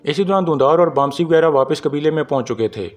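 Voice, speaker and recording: A man with a Pakistani Urdu accent retells a drama episode in steady scripted narration. His voice sits a little high for a man, and soft music plays faintly behind him. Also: fast. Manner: steady storytelling, reads out characters' lines in his own voice. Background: faint background music.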